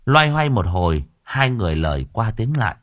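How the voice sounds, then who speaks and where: A man narrating an audiobook in a lively, crude, colloquial way. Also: fairly low pitch, fairly quick, no echo, studio quality. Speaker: storyteller.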